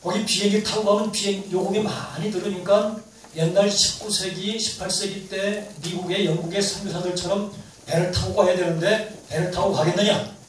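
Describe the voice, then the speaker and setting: 울림 큰 교회에서 설교하는 남자 목사. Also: male voice, moderate pace, slight background noise. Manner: animated storyteller, acts out dialogue with rising pitch. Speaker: pastor. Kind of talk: sermon storytelling. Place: church hall. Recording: echoey church hall, distant mic.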